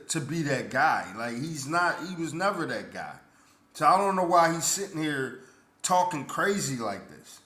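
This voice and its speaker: A man's voice: a little high, pushed and bright. A man vlogging his blunt, indignant opinion in casual speech full of stammered restarts. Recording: roomy echo.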